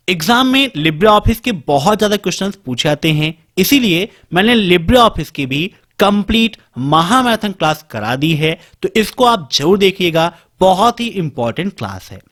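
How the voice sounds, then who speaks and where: A man teaching an exam-prep lesson, briskly listing topics and speaking directly to students. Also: sits high, fairly bright tone. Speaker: computer exam tutor.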